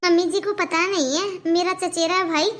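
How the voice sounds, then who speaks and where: An earnest young married woman in a cartoon, voiced by a woman. Her voice sits very high and sounds sharp and bright. She talks with an earnest, reproachful tone. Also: steady tone, moderate pace, slight background noise. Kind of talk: Hindi cartoon voice acting.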